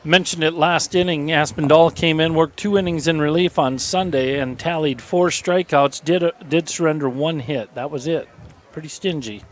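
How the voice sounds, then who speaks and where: A man's voice: a little high, moderate pace, slight background noise. A man with an American Midwest accent giving laid-back color commentary on a local baseball game.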